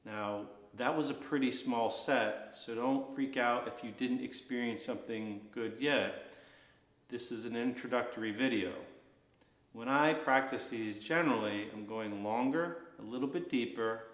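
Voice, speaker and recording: A man instructing a guided breathing practice in an unhurried, gently reassuring manner. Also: medium pitch, echoey room, poor audio.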